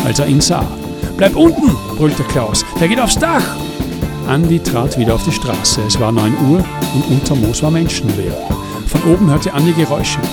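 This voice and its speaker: A man narrating an audiobook in a calm, measured way. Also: medium pitch.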